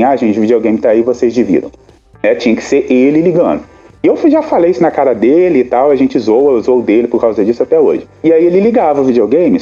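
A man on a podcast telling a family story in casual chat, animated and full of halting restarts. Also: medium pitch, lo-fi sound. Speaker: podcast co-host.

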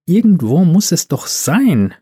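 A man voicing a nervous, scheming young female elf who talks in an excitable, conspiratorial way. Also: sits high, moderate pace, pitched above the performer's own voice. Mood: worried.

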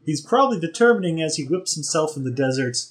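Game master, male, lively swooping pitch, hesitant and halting. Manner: hesitant, many ums and restarts. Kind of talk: running a tabletop game over video call.

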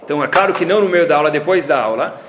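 A man's voice: on the high side, racing, lo-fi sound, a little hiss or hum. A man, a rabbi giving a lecture with anecdotes and acting out dialogues. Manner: animated storytelling, acting out dialogues. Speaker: rabbi teaching a class. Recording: roomy echo.

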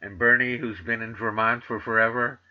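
A man's voice: mid-range voice, fairly even intonation, moderate pace. A middle-aged man from New York with a New York accent, hosting his own radio talk show in a rambling, sardonic monologue full of filler uhs. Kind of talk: casual monologue. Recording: dull lo-fi sound.

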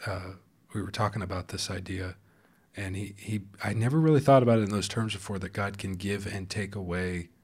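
A man with a very low voice talks casually about faith with his podcast partner. He speaks in a relaxed, halting way and often restarts his sentences. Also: husky. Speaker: podcast co-host.

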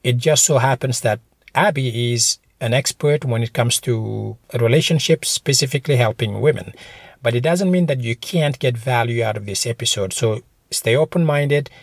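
A man's voice: medium pitch, normal speed, creaky, no echo, studio quality. A man hosting a motivational podcast, talking to listeners in a direct, encouraging way. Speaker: podcast host.

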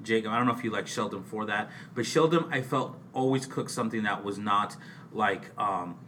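A man's voice: lowish voice, moderate pace, bright, forceful tone, recorded from a distance. A man co-hosting a podcast in casual chat, rambling along with frequent restarts. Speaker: podcast co-host. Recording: off-mic with faint background hiss.

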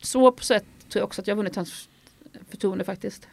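A middle-aged woman guest speaks bluntly and with energy, with a gravelly edge to her voice. She is a sports journalist telling stories from her work. Her recording is close and dry. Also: mid-range voice, dry recording. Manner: forthright and animated, tells anecdotes. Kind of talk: interview conversation.

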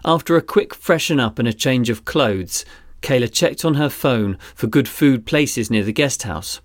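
Man narrating a story, measured pace. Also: medium pitch, dry recording. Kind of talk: scripted narration.

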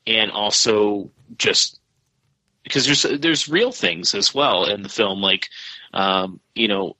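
Over a remote call, a man with a fairly low, sharp-toned voice co-hosts a horror movie podcast, speaking slowly with no echo. The talk is a casual chat, and he rambles, full of fillers and restarts.

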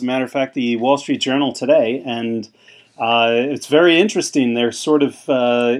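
Rambling male podcast co-host. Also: mid-range voice. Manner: rambling, lots of fillers. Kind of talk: casual chat.

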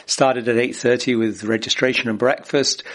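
A man at a mid pitch hosts a podcast, recapping the day in a plain, relaxed way. He uses some fillers as he goes. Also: normal speed. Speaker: podcast host. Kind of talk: podcast narration and interviews.

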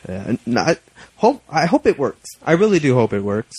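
A young man co-hosting a casual podcast chat, joking and teasing, often trailing off into a lower voice. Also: very animated, a little fast, a little mellow, slightly rough, no echo, rough recording. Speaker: podcast co-host.

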